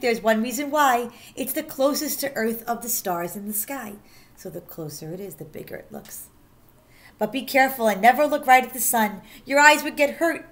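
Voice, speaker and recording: A teacher, a woman with a high-pitched voice, reads aloud from a rhyming picture book for kids, her sing-song delivery animated and punching up the key words.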